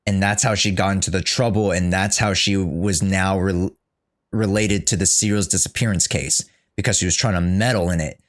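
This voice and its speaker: A young man with a deep voice chats casually on a livestream, his intonation fairly even and his pace moderate. He reacts to a game's story with informal, joking, sweary commentary.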